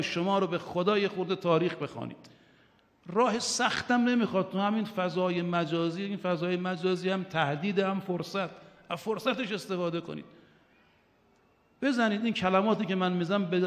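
A man's voice: high-pitched, big-room sound. An older man preaching an impassioned religious sermon, with rising and falling emphasis and recited quotations.

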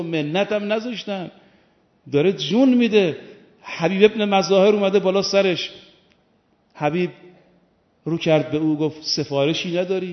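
A high-pitched male cleric preaching a mourning-season sermon, slowing right down on key phrases and then swelling with emphasis. His voice rings through a large hall with a long echo. The recording sounds dull and lo-fi. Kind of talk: Muharram sermon.

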